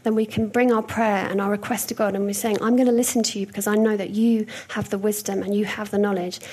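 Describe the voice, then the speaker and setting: A woman's voice: medium pitch, little pitch movement, quick pace, a little mellow, slightly rough. A young woman preaching a sermon in a conversational, storytelling way, with frequent hesitations.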